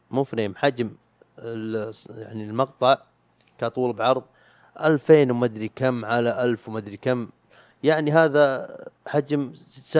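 A young man rattles through a loose, rambling chat at a fast clip. His talk is self-mocking, full of slang and the odd swear word. The recording is close and dry, with no room sound. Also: medium pitch, a little mellow, no echo. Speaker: YouTube podcaster. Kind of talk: casual chat.

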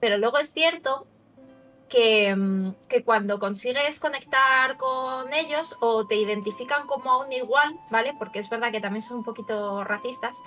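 A woman's voice: fairly high pitch, moderate pace, pushed and bright. A young woman from Russia, a native Russian speaker, chatting casually as a guest and often tagging her sentences with "you know?". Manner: chatty, lots of fillers like sabes. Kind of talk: casual chat. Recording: roomy with faint music behind.

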